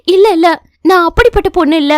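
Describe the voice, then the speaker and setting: A woman's voice: sits high, a little slow, dry recording. A woman voicing a frightened young wife who pleads timidly, close to tears. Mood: desperate.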